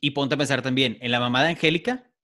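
An easygoing man hosts a casual podcast conversation. He talks in a relaxed, rambling way at a middle pitch and steers the chat from topic to topic. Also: quick pace. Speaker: podcast host.

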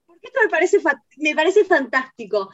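A young woman with a Rioplatense accent, co-hosting a film podcast and retelling scenes in a fast, exasperated way. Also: sits high, big pitch swings, fairly bright tone, dry recording, muffled recording. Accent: Rioplatense Spanish. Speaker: podcast co-host. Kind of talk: casual film review chat.

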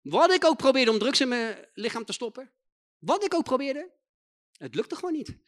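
A man preaching a testimony sermon in slangy, emphatic talk, repeating his phrases and building to loud proclaiming. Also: extremely high pitch, big pitch swings, moderate pace.

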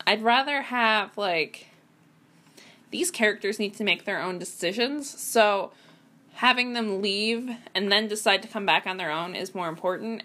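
A woman's voice: mid-range voice, pushed and bright. A young woman at home, chatting about writing tips with lots of fillers and restarts. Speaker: writer reviewing writing tips. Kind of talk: casual solo commentary. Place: at home at a computer.

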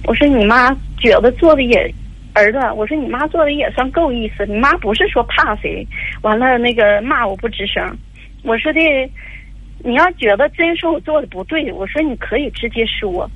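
A woman's voice: fairly high pitch, lively intonation, moderate pace, a bit bright, slightly rough, dry recording. Older woman on phone. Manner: tearful, rambling storytelling with many fillers. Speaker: caller. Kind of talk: call-in advice radio. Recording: dull lo-fi phone line.

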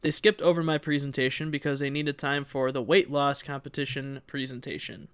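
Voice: mid-range voice, level tone, brisk, clean tone. A podcast host chatting casually and joking crudely, with some swearing. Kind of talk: casual comedic podcast chat.

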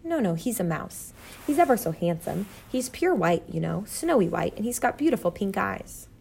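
Eager young female mouse, read by a woman, proper manners, a touch of fry. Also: mid-range voice, sing-song, normal speed, a little mellow, slight background noise. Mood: earnest.

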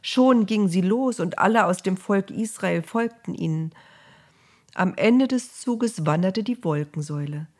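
A woman narrating a Bible story in a measured, vivid storytelling manner. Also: medium pitch, expressive, darkish tone.

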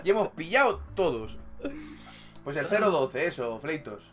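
Bright-voiced Spanish man telling stories. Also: a little high, moderate pace, faint music behind. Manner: animated storyteller, acts out dialogue, frequent laughter. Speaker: podcast co-host. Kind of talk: casual chat.

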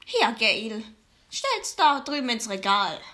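Woman doing a bossy shop guy handing out jobs, slow and loud. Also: fairly high pitch, big pitch swings, heavily acted.

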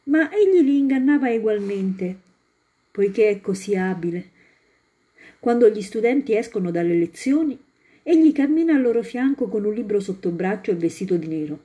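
A woman reads a storybook aloud in a calm, expressive way. Her voice has a very dark, mellow timbre at an ordinary pitch for a woman. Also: moderate pace. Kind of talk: storybook reading.

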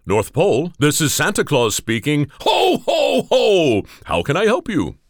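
Man putting on hearty jolly Santa, booming and lively, dry close sound. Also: unhurried, dry recording, heavily acted.

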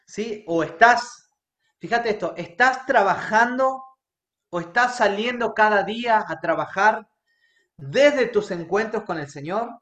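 High-voiced pastor, echoey room. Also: male voice, lively intonation, a little slow, a bit bright. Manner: earnest, checks in with the congregation by asking "right?" again and again. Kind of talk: sermon.

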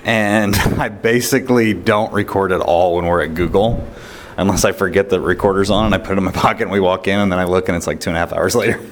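A man with a fairly low voice talks casually into a portable recorder, like a travel diary host checking in. Clear city and vehicle noise sits behind him. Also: steady tone, fast. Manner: informal, often recapping the time and day. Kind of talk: casual spoken audio diary. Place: on the move through hotel lobbies and streets.

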